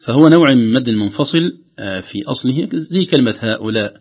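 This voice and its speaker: A man teaching recitation, his voice gravelly and a little husky. He talks briskly and slows down sharply on each quoted verse. The sound is muffled and lo-fi, like a broadcast. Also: medium pitch, animated. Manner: measured, stretches out quoted verses slowly. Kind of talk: explaining recitation rules with spoken examples.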